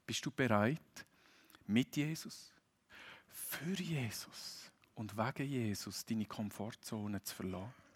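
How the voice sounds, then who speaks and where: A middle-aged man with a Swiss German accent preaching a sermon, earnest and appealing, rising emphatic and dropping soft. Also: lowish voice, slow pace, slightly rough.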